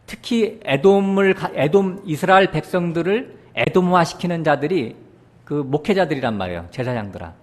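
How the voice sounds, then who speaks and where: A male pastor preaching a sermon. He keeps asking his listeners short questions and jumps higher and louder when he voices God's words. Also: normal speed. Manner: animated preaching, voicing God's words with sudden rises in pitch and loudness; often checks with the congregation using short asides.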